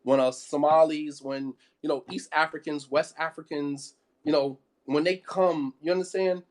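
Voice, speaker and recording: A man's voice: on the high side, fairly even intonation, normal speed. An American man, an Islamic studies teacher, giving an impassioned, emphatic talk that keeps repeating his points and asking if you follow. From United States. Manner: emphatic, repetitive, peppered with 'you know what I mean'.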